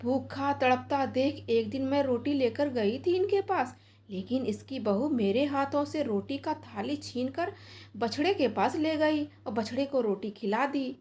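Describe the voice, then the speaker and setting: A woman doing a gossiping village neighbor. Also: sits high. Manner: gossipy, sympathetic.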